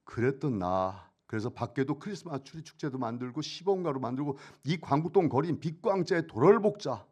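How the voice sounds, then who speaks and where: A middle-aged man, a church elder, giving a testimony sermon, swinging between loud emphatic bursts and hushed asides and answering his own questions. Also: medium pitch, expressive, brisk, husky.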